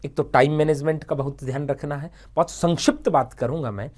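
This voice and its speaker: A man coaching exam candidates in a live talk, animated and repetitive, often checking in with "okay". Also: a little high, fairly quick. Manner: animated, repetitive, frequent "thik hai" checks. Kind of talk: motivational exam advice talk. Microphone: livestream setup.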